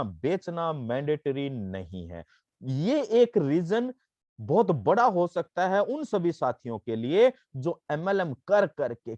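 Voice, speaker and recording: A man delivers a motivational sales pitch, slipping English phrases into his Hindi. His voice sits fairly high and moves up and down with lively energy. The dry, muffled recording sounds like it was made at home. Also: no echo. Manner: persuasive, calls listeners "friends" again and again. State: coughing, throat irritated. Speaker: network marketing presenter.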